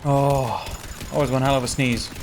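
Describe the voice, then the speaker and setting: A man's voice: mid-range voice, fairly even intonation, normal speed, background noise. A man giving casual game commentary in sparse muttered remarks and idle sing-song. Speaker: gamer playing on camera or stream.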